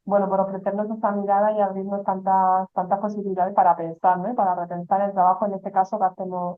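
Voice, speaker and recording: A woman's voice: medium pitch, phone-quality sound. A woman moderating an online training session, introducing speakers hesitantly with many fillers. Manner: hesitant, fills pauses with "eh".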